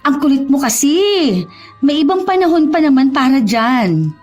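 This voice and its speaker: A woman playing an impatient, high-voiced girlfriend. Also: sing-song, normal speed, darkish tone, soft background music. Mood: annoyed. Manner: irritated, dismissive. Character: busy young girlfriend, tired and impatient.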